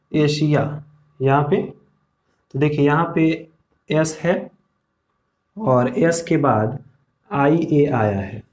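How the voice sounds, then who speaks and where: A man teaching an English pronunciation lesson, slowly repeating rules and asking the viewers questions. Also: on the high side. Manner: slow, repeats rules and asks the class questions.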